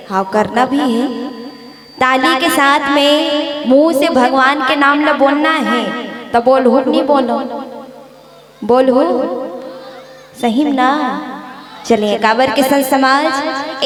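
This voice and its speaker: Woman, Chhattisgarhi accent, high voice and unhurried pace, leads the crowd in chants over live music. The recording is echoey. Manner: teasing, coaxing the audience with repeated questions. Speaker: Ramayana singer leading the crowd. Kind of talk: devotional singing and crowd call-and-response. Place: outdoor religious stage gathering.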